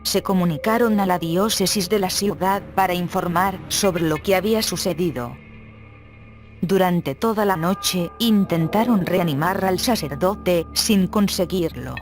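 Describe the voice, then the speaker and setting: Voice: medium pitch, measured pace, soft background music. Synthetic voice reading horror stories. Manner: even, steady synthetic reading. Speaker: narrator. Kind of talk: scripted horror story narration.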